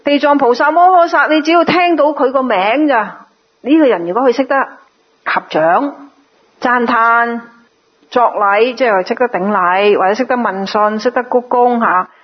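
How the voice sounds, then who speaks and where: A woman's voice: a little high, normal speed, husky, dull audio. Woman giving a sermon. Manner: explains patiently, sometimes mimics others in a lively voice. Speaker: Buddhist teacher. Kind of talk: sermon on a Buddhist sutra.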